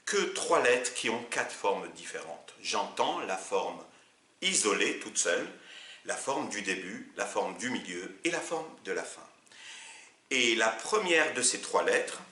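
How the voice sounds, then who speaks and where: Male teacher, patient and slow, animated pitch, roomy sound. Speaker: Arabic teacher. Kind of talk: video lesson.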